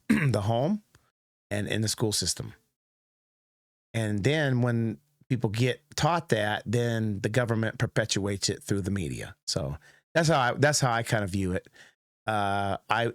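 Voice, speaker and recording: A middle-aged man from the United States hosts a reaction video, offering casual, rambling commentary with many fillers and restarts. His voice is lowish, and the sound is clean and studio-like with no echo.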